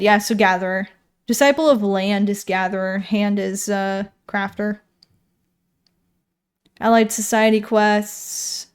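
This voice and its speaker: Her voice is smooth and mid-range as she casually talks her way through game patch notes. The streamer meanders, thinks aloud, and keeps correcting herself.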